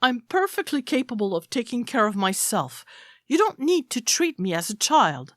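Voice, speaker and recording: A woman's voice: a little high, sing-song, measured pace, a bit bright, dry recording, studio quality. A woman voicing a proud, stubbornly independent elderly grandmother who speaks in English, in a storybook reading. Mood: indignant pride.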